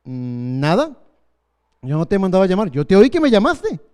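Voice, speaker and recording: A preacher voicing a drowsy old priest. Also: male voice, sits high, wildly swooping pitch, moderate pace, a little mellow, clean tone. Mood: puzzled.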